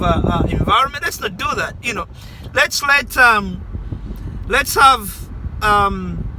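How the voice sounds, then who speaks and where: A man's voice: high voice, bright, forceful tone, a little hiss or hum. A man from Zambia, giving casual advice in a rambling way and repeating words for emphasis.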